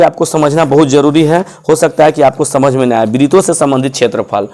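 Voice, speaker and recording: Fairly high-voiced teacher. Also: male voice, darkish tone. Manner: repetitive, checks if students follow. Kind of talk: explaining a syllabus to students.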